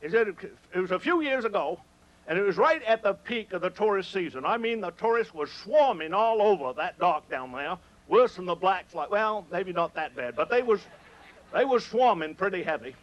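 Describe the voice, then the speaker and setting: High-voiced Maine storyteller man. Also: animated, moderate pace, dull audio. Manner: folksy, rustic dialect, teasing the audience. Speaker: humorist telling stories on stage. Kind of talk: live comic storytelling. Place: on stage before an audience.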